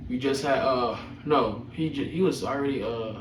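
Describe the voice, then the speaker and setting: Here a young adult man's mid-range voice moves at normal speed as he casually tells personal stories on his podcast, chuckling and using profane slang. The audio sounds distant and echoey, with faint noise underneath.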